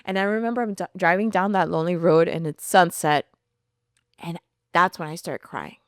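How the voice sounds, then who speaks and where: A woman's voice: fairly low pitch, moderate pace, dry recording, clean studio sound. A woman telling her personal faith testimony in an earnest, storytelling way, often saying "like". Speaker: podcast guest sharing testimony.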